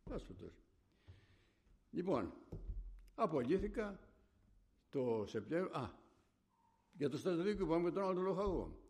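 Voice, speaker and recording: Gravelly older man telling old stories. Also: on the high side, sing-song, pauses often, darkish tone. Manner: rambling, conversational, acts out remembered dialogue. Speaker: storyteller recalling army service. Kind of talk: rambling oral-history storytelling.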